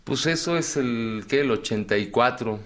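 A man's voice: mid-range voice, normal speed, crowd noise. A Mexican man, a musician guest on a radio show, chatting casually in a joking, wry and irreverent way.

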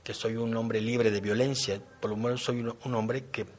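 A man's voice: medium pitch, flat delivery, normal speed, slight background noise. A middle-aged man, reflecting on his time in a men's non-violence program and explaining his points with everyday examples. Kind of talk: personal testimony.

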